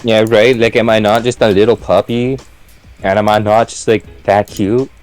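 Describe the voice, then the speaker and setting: A man's voice: on the low side, flat delivery, normal speed, faint music behind. A man co-hosting a let's play, rambling casually with lots of "like" and restarts and laughing often. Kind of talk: casual gaming commentary.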